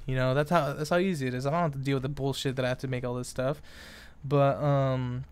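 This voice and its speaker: A man's voice: medium pitch, level tone, quick pace, darkish tone, smooth. A young man in a casual, profane, rambling rant, exasperated and full of fillers and restarts. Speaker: vlogger.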